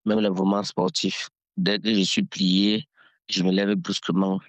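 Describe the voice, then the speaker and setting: A man from Cameroon leaving a voice message for a radio show, his voice altered by a voice changer to hide who he is; he speaks haltingly. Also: low-pitched, flat delivery, no room sound. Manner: halting, plain description of symptoms. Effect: voice changer disguising identity. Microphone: phone voice message.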